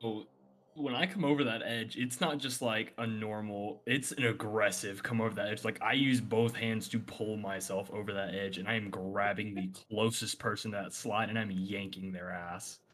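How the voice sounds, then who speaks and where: A man's voice: lowish voice, fairly even intonation, normal speed, fairly bright tone. A man playing a tabletop game, talking bluntly and impatiently. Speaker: player. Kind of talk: casual tabletop chat.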